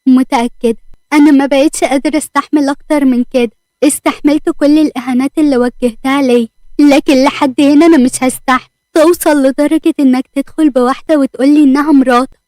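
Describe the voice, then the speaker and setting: Brief: a woman doing a proud young Egyptian wife, high and loud, fast angry lines. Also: fairly even intonation, no room sound, lightly acted. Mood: defiant. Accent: Egyptian Arabic. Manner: heated, loud, pleading. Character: young wife, proud, furious, demanding divorce.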